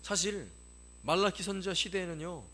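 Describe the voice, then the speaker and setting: A man's voice: high-pitched, moderate pace, pushed and bright, slight background noise. A middle-aged man preaching a sermon as pastor, emphatic and insistent, repeating his points.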